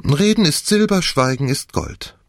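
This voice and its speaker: A man's voice: on the high side, animated, measured pace, dry recording, studio quality, pitched above the performer's own voice. A man doing a prim, deferential housemaid. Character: prim female housemaid, proverb-quoting.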